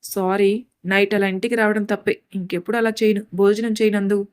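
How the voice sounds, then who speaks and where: A young man apologizes softly in a read-aloud story, as a woman narrator voices him. He sounds contrite. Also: medium pitch, little pitch movement, a little fast, smooth, lightly acted. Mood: apologetic. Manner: soft, apologetic.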